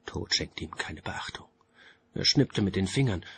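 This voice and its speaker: A man narrating an audiobook in a theatrical, expressive storytelling manner. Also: deep voice, a little slow, gravelly, husky.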